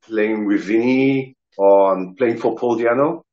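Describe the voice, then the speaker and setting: A man's voice: fairly low pitch, slow, a little mellow. A middle-aged man with a French accent, telling casual anecdotes hesitantly, searching for words. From south of France. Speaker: interview guest, rock guitarist and singer. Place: indoor room, video call. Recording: roomy, dull video-call sound.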